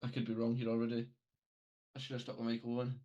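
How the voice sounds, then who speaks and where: A man co-hosting a casual football podcast, easygoing and quick to laugh. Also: medium pitch, monotone, mellow, highs cut off. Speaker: podcast co-host.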